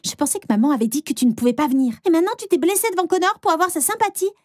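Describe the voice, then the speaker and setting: A woman voicing a jealous, spiteful teenage sister in an animated story, snide and contemptuous. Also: very high-pitched, very fast, no room sound, studio quality, voice pushed up. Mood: scornful.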